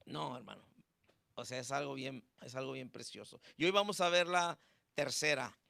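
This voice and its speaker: A man's voice: mid-range voice, normal speed, gravelly, sharp tone, no echo. A man preaching a conversational sermon, dropping in English words and leading a prayer. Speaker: pastor.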